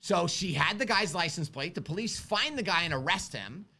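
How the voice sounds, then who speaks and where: Guy doing a live stream, higher voice, tells stories all animated, asks lots of rhetorical stuff. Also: normal speed. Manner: talks with his kids on stream. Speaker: firearms instructor and livestream host. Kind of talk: live-stream chat answering viewer questions.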